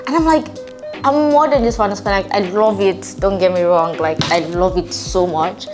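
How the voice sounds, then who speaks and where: Speaking at medium pitch and moderate pace, a hungover vlogger in her twenties talks with her viewers as host of the channel. The tone is informal and reflective, like a conversation, with music behind her voice.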